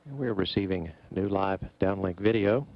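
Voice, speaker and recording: A man with a very low voice and plenty of fry gives mission commentary. He explains things in a formal, measured way. The sound is a little dull and muffled. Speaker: mission operations public affairs commentator. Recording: dull, muffled broadcast feed.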